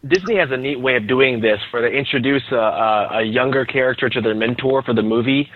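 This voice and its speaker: A man's voice: mid-range voice, brisk. A man joining a casual movie podcast, talking thoughtfully with fillers. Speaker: podcast panelist. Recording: thin phone-like remote line.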